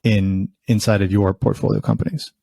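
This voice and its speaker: A man's voice: on the low side, level tone, normal speed, warm tone, no room sound. A man hosting a podcast interview, asking questions eagerly and often restarting his words. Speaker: podcast host. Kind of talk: conversational interview.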